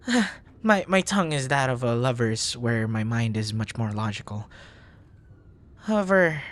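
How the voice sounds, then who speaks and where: Flustered and apologetic, a man voices a shy, bookish nerd in an ASMR boyfriend roleplay, speaking in ornate, formal phrasing. His medium-pitched delivery is soft, breathy and hesitant, often sliding close to a whisper.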